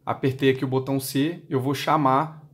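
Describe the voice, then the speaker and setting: With a mid-range voice, flat delivery and moderate pace, a Brazilian-accented man demonstrates a product step by step for a motorcycle intercom seller. His explanations take the form of questions he asks and answers himself.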